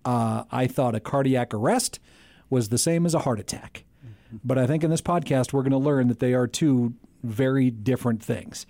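A man's voice: medium pitch, moderate pace, warm tone, no echo. A middle-aged man hosting a podcast interview, friendly and chatty with many restarts. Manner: friendly, stumbling restarts, chuckles. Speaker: podcast host. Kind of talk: casual interview.

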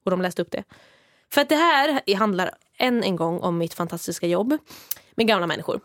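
A woman's voice: mid-range voice, no echo, studio quality. A young woman co-hosting a podcast in casual chat, telling stories and acting out what people say. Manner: animated storytelling, acting out quotes, frequent laughter. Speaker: podcast co-host.

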